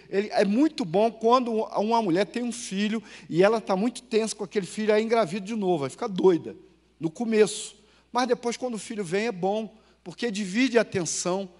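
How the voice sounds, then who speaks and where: A Brazilian pastor delivers a sermon to his congregation in a high voice. He tells homely stories and throws questions to the pews, swinging from loud bursts to hushed asides. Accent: Brazilian Portuguese. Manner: storytelling, lively swings between loud and hushed. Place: church.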